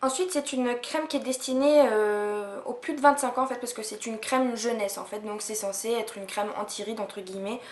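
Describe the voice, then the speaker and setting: A woman's voice: a little high, fairly even intonation, normal speed, hardly any pauses, echoey room. A woman in her twenties reviewing beauty products in a chatty vlog, with many fillers and restarts. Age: 20s. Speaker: beauty vlogger.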